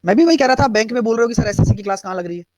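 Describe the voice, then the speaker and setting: A man walks students through math step by step in a live online lesson, fielding their chat questions in a Hindi-English accent. His high voice is expressive and slightly dark, delivered rapid-fire, with no echo.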